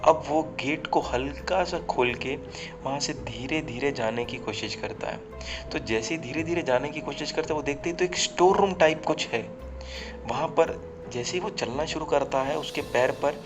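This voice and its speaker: A man's voice: on the high side, normal speed, music in the background. A man casually telling a horror story, talking directly to listeners, on a slightly muffled recording. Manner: conversational, addresses listeners directly.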